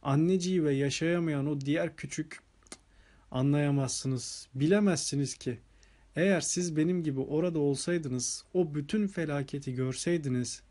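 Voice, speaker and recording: A man reading an audiobook voices a middle-aged Swedish nanny who cries and speaks in halting, sobbing phrases. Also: on the high side, warm tone, lightly acted. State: crying.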